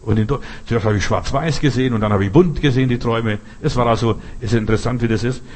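A man delivers a sermon in a slightly husky voice. German is not his first language. He preaches earnestly, repeating phrases and asking rhetorical questions. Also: medium pitch, a little mellow.

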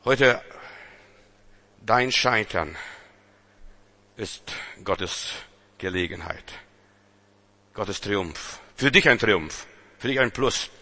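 Fiery, bright-voiced male preacher. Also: on the low side, lively intonation, drawn-out words, pauses often. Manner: dramatic, shifts between loud exhortation and quiet intensity; rhetorical questions to the listeners. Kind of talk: sermon.

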